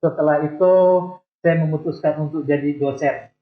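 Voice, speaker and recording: A man in his sixties, a radio guest, telling his life story in a relaxed, joking way. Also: on the high side, normal speed. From Indonesia. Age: 60s. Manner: relaxed storytelling with light self-deprecating jokes. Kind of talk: casual interview chat. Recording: echoey room, tinny phone-like sound.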